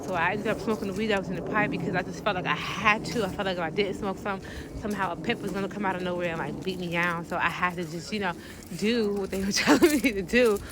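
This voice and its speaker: An American woman telling a story casually, animated and slangy, often acting out the voices of other people. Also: medium pitch, quick pace, background noise. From United States.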